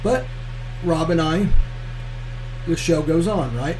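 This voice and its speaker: A man's voice: a little high, takes it slowly, darkish tone, a little hiss or hum, low-quality recording. A man podcast host in crude, casual banter, his voice nasal and stuffed up with a cold, slightly slurred. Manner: crude, joking.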